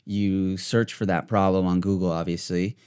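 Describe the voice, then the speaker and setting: A man's voice: low voice, fairly even intonation, normal speed, darkish tone, clear, resonant tone. A man hosting a podcast, talking in a loose, rambling way full of fillers and restarts. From United States. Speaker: podcast host. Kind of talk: casual podcast chat.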